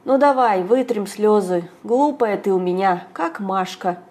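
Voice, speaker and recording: Женщина читает за рассерженного молодого отца. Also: female voice, mid-range voice, unhurried, natural voice. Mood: soothing. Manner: loud, lecturing. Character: exasperated young father arguing with his wife.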